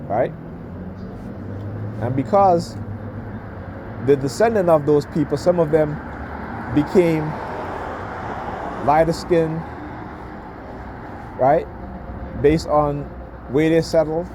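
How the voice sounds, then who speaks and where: A man's voice: on the high side, steady tone, slow pace, pauses often. Man on an emphatic rant, noisy background. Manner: emphatic, repeatedly punctuates points with check-in questions like "right?" and "okay?". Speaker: speaker giving commentary. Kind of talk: informal opinionated rant.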